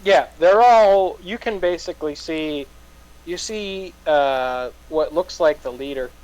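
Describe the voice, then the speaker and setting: A man's voice: a little high, slow pace, darkish tone, low-quality recording. A man improvising narration as game master of a tabletop game.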